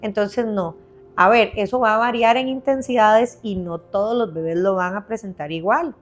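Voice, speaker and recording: A woman's voice: medium pitch, normal speed. A woman specialist patiently explaining baby health on a podcast, step by step, often checking in with her listener.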